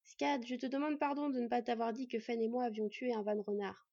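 A woman's voice: fairly high pitch, fairly even intonation, brisk, mellow, dry recording, lo-fi sound. A woman voicing a defiant teenage boy hero who speaks heatedly and pleadingly, in an audiobook reading.

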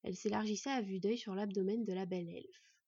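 Breathy woman narrating a storybook. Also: mid-range voice, fairly even intonation, quick pace, mellow, no echo, muffled recording. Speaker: audiobook narrator.

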